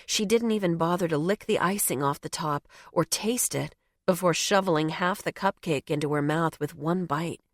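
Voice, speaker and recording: A woman's voice: fairly low pitch, moderate pace, dry recording, clean studio sound. A woman narrating a novel in the first person, with a wry, conversational telling. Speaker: audiobook narrator.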